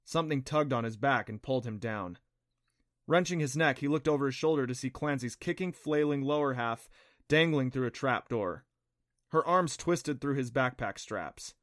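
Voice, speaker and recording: A man narrating an adventure novel audiobook in a steady, even reading. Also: medium pitch, normal speed, no room sound, studio quality. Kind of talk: scripted narration.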